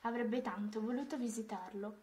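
Gentle woman reading a storybook. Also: on the high side, moderate pace.

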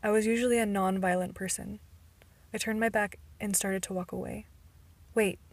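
A woman's voice: medium pitch, fairly even intonation, brisk. A woman narrating a novel in the first person as an amateur audiobook reader, with occasional stumbles and restarts.

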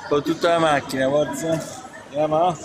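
Against crowd noise in a large indoor shopping mall, a male travel vlogger narrates his walk casually. His voice is a little high with fairly even intonation at normal speed, and his tone is playful, enthusiastic and teasing.

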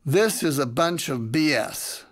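A man's voice: on the high side, lively intonation, measured pace. A man voicing an angry, defiant young man of nearly twenty who talks bluntly and confrontationally.

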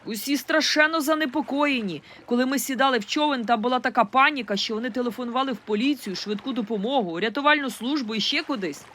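A woman reading aloud as an excited teenage boy who shouts urgently from a boat. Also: fairly high pitch, fast, hardly any pauses, a little hiss or hum, voice pushed up, lightly acted. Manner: loud, urgent and bossy.

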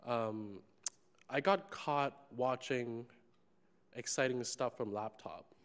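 A man's voice: mid-range voice, slow pace. A young man from China speaks to a conference audience from a large stage, holding a microphone. His tone is candid and earnest, with hesitations and fillers. The sound carries the long reverb of a large hall. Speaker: conference organizer giving closing remarks. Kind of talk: personal speech on stage. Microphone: handheld microphone.

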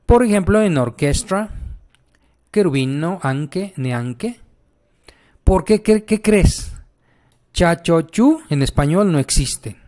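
Male teacher, slightly high-pitched, unhurried, repeats sounds patiently for learners. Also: lively intonation, darkish tone. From Mexico. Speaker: language teacher. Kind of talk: online pronunciation lesson.

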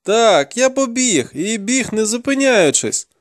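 A frightened young soldier who ran from battle, as a male reader puts him on, his voice pitched high and strained as he pleads and cries out. The delivery lurches with animated rises and falls, recorded close and dry. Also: a little slow, no room sound, heavily acted. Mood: pleading, terrified. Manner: desperate, begging, crying out. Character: terrified young male army deserter, pleading.

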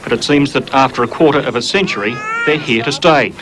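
An Australian man narrating a television news feature in a wry, measured voice-over. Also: medium pitch, heavy background noise. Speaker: television reporter.

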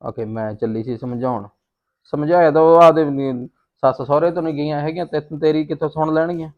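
A man's voice: fairly high pitch, a little fast, lightly acted. A man playing a lecturing village husband in an amateur short film, with a scornful tone. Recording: dull lo-fi sound.

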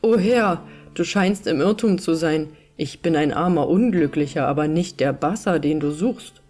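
A woman's voice: low-pitched, moderate pace, dark tone, soft background music. A woman voicing a desperate young man who pleads with his captor and laments through tears in a storybook reading. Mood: pleading. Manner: pleading, tearful.

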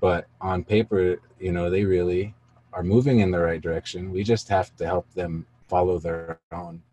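Husky low-voiced man on a video call. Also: flat delivery, moderate pace, mellow, rough recording. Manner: earnest, rambling, many fillers. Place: indoor room, studio gear behind.

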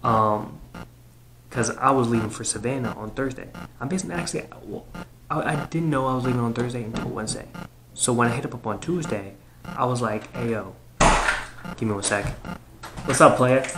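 A man's voice: mid-range voice, brisk, over music. A young man hosting a reaction video, telling a story in a loose, slangy, casual way that repeats itself. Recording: noisy home recording with clicks.

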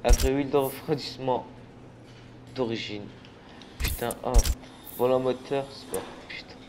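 A man's voice: mid-range voice, steady tone, measured pace. A tired young man giving casual gameplay commentary, rambling, stumbling over his words and swearing often. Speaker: gaming channel host. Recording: noisy, racing game engine sounds behind. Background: racing game car and engine sounds.

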